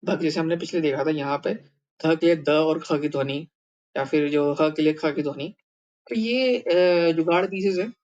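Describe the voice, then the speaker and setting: A man's voice: a little high, measured pace, darkish tone, muffled recording. Man giving a casual, rambling language lesson. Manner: thinking aloud, many fillers and repeats. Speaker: language teacher.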